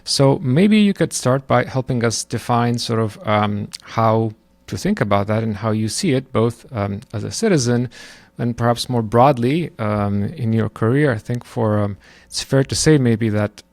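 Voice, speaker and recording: A man's voice: medium pitch, normal speed, a little mellow, dry recording. A man co-hosting a podcast, musing aloud with many fillers as he builds up to a question. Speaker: podcast co-host. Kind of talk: conversational interview question.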